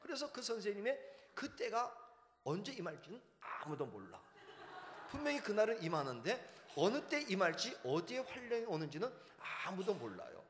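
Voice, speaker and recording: Animated male pastor in a reverberant church. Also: high-pitched, a little hiss or hum. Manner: animated storytelling, acting out shouting teachers. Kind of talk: revival sermon. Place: church sanctuary.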